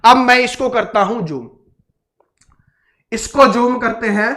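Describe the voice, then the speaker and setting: A man's voice: extremely high pitch, slow, pushed and bright. A male teacher giving an exam-prep lesson, repeating key points and asking rhetorical questions.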